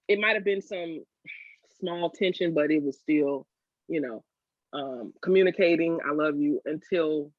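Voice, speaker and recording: A woman guest telling her story, expressive and emphatic, laughing often. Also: sits low, dry recording. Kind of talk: casual storytelling conversation. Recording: slightly dull, dry sound.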